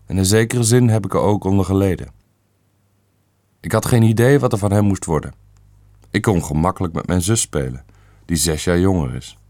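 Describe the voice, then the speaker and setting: A stern old great-uncle, voiced by a man, blunt and sure of himself in every judgement. The voice sits very low and deep, and it is recorded dry and close with no room sound. He states things flatly and leaves no room for argument. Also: moderate pace, long pauses, dry recording. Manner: stern, matter-of-fact.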